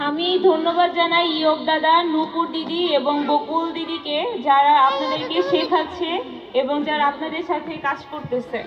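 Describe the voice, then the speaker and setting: A woman with a very high voice interprets consecutively for an audience in everyday, colloquial wording. She is heard from a distance in an echoey room, with a crowd clearly audible behind her. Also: level tone, moderate pace. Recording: echoey room from afar, muffled, crowd noise.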